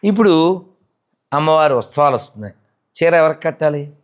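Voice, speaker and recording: A man's voice: on the high side, animated, a little fast. A man giving a spiritual discourse, scolding his listeners with a stream of rhetorical questions. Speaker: spiritual speaker. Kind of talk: religious discourse.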